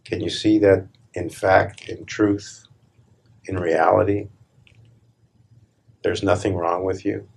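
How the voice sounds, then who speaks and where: A man leading a guided meditation as a spiritual teacher, calm and deliberate, with a gravelly, husky voice and measured pauses between short phrases. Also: sits low.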